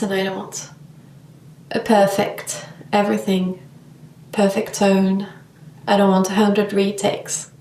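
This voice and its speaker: Female yoga teacher, vlog monologue, unhurried and searching for words, sits back from the mic. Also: medium pitch, echoey room, distant mic, slight background noise. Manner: slow, thoughtful, searching for words.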